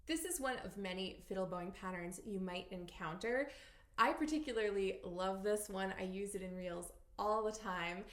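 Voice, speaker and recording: A woman teaching fiddle technique, explaining clearly and counting beats aloud. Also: mid-range voice, moderate pace, reverberant, soft background music. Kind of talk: instructional tutorial.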